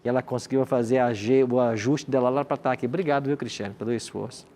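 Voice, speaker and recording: A man's voice: medium pitch, steady tone, fast, darkish tone, slight background noise. A Brazilian man, a pastor and host, cordially introducing studio guests in a talkative way with frequent tag questions. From Minas Gerais, Brazil. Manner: cordial, talkative, often tags remarks with questions.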